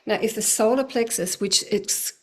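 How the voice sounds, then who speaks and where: A middle-aged woman, a spiritual teacher appearing as a guest, speaks earnestly about spiritual healing work in a casual talk. Her voice is a little high and her pace moderate, and she flows along, laughing often.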